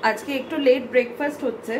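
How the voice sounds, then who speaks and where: A woman's voice: high-pitched, fairly even intonation, quick pace, background noise. A woman vlogging casually, chatting and explaining things to her viewers with frequent fillers. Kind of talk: casual vlog narration.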